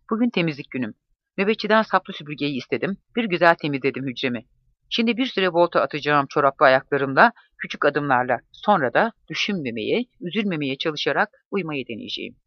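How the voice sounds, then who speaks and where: A man narrating a first-person memoir in a measured, reflective reading. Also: a little high, dry recording. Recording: dull, dry close-mic recording.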